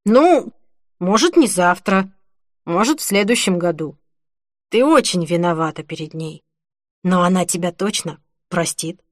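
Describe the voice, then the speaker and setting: A woman's voice: on the low side, animated, unhurried, pauses often, dry recording, studio quality. A woman reading the part of a grown man who earnestly and firmly consoles a grieving friend in an audiobook. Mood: gentle, firm. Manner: earnest, persuasive, gently firm.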